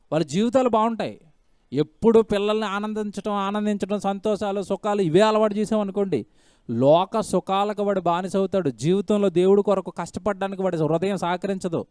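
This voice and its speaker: A man with a high, smooth voice preaches a sermon, pressing his points with questions to the congregation and repeated lines. The sound is dry and close, with no room echo. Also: a little mellow. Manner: emphatic preaching with rhetorical questions and repeated phrases. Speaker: pastor.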